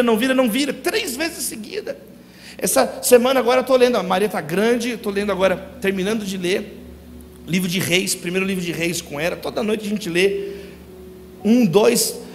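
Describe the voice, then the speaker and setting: High-voiced Brazilian pastor preaching in a hall. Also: male voice. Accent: Brazilian Portuguese. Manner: animated storytelling, acts out a crying child. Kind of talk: sermon. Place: church auditorium. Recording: long hall reverb with music behind.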